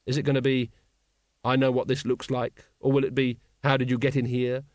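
A man plays a worn-out, sardonic watch captain with a dry, wry delivery. It sits low and close, with no room sound. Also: flat delivery, fairly quick, no room sound, close to an everyday voice.

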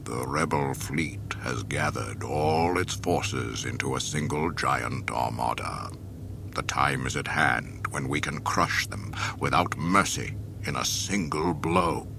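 An actor playing a menacing, cold and commanding dark lord in armor, speaking with a measured, deep menace. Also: male voice, full character voice. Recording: film soundtrack with rumbling noise.

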